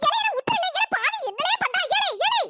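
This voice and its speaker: A woman's voice: expressive, moderate pace. A woman voicing a scolding, wailing old grandmother with an in a cartoon. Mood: outraged. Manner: shrieking, scolding, melodramatic wailing. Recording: high pitch-shifted cartoon voice with background noise.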